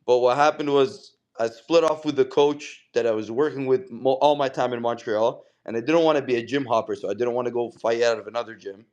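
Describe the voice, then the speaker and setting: A Canadian pro boxer, a guest in a casual interview, tells stories in loose, slangy speech with a laid-back manner. His mid-range voice stays steady and a little mellow, moving briskly with few pauses.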